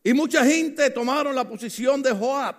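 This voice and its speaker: A man's sermon from a church pulpit. His voice sits high for a man, and it climbs in fervor as he quotes scripture and presses his point. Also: moderate pace. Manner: preaching with rising fervor, quoting scripture. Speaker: pastor.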